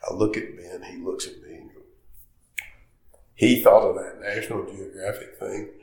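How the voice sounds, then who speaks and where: An older man, a guest, telling rambling anecdotes with quoted dialogue in a relaxed interview, recorded in an echoey room. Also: deep voice, moderate pace, creaky. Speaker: golf course architect guest.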